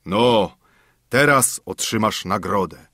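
A towering, haughty bottle spirit from a fairy-tale audiobook, as a man puts him on. The voice is hollow and slightly husky, slow, loud and threatening. Lively pitch with a dry, close studio sound. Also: no echo, exaggerated voice. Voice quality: hollow, dreadful voice. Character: huge menacing male spirit, haughty and threatening.

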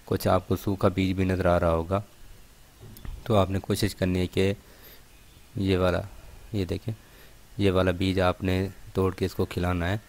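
In this instructional vlog, a bird keeper with a low, flat voice demonstrates partridge care. He's unhurried and pauses often, explaining steadily and repeatedly pointing details out to his viewers.

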